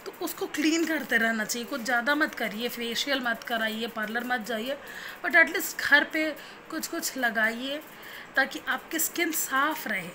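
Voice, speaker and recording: A woman's voice: a little high, normal speed, sharp tone, slight background noise, rough recording. A young woman and new mother talking casually to her viewers at home, chatty and giving plain advice. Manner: cooing baby talk to her infant; chatty, advising viewers directly. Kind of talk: casual home vlog talk.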